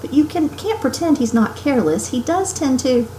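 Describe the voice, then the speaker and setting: Woman reading as a proper older witch professor, high-pitched, indignant, skeptical, storybook character, roomy sound. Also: lively intonation, moderate pace, warm tone, a little hiss or hum. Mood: doubtful.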